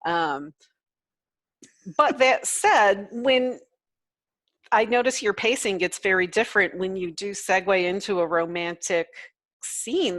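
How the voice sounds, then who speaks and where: A woman author talking casually on a video call, thoughtful and unhurried with fillers. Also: mid-range voice, fairly bright tone, no room sound.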